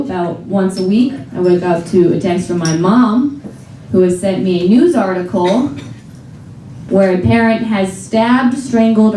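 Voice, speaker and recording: A woman's voice: mid-range voice, warm tone, slight background noise. A young woman from a small American town doing stand-up comedy on a theater stage, wry and exasperated, often laughing through her lines. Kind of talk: stand-up set. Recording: roomy live venue audio with crowd laughter, taped from a distance. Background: audience laughter.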